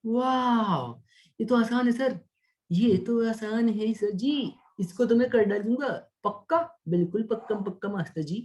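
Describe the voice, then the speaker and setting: A man's voice: sits high, a little slow, a little mellow, pitched above the performer's own voice. A male teacher voicing a confused, whining schoolkid student who pleads in an exaggerated way. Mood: delighted.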